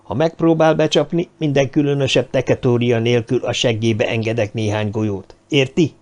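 A man's voice: mid-range voice, steady tone, a little mellow, close to an everyday voice. Man voicing a fierce woman with a gun. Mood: threatening. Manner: commanding, threatening.

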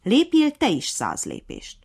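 A woman's voice: a little high, wildly swooping pitch, creaky, a little mellow, husky, voice pushed up, full character voice. A woman voicing a fair-minded but bossy male hare acting as referee in a storybook tale, speaking in a strict, commanding way.

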